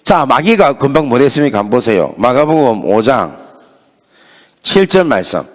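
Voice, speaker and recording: A man's voice: medium pitch, very animated, moderate pace. A male pastor with a Gyeongsang Korean accent preaching at a revival meeting, telling a story with emphatic, acted-out dialogue. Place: church revival meeting hall. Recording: reverberant hall sound.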